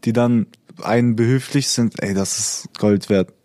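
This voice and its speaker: A man's voice: mid-range voice, steady tone, measured pace, mellow, no room sound. Man, radio host, casual chat, encouraging, dry sound. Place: radio studio.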